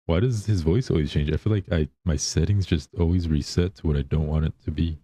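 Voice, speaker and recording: A man's voice: very deep voice, brisk, dark tone, slightly rough, dry recording. A man chatting casually on a livestream as the streamer, in a laid-back, rambling way. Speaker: live streamer.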